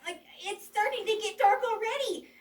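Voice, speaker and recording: A performer voicing a childlike, excitable puppet in a children's show, exclaiming and stammering, easily frightened. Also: very high-pitched, moderate pace, a little hiss or hum. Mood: worried. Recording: roomy echo, distant mic.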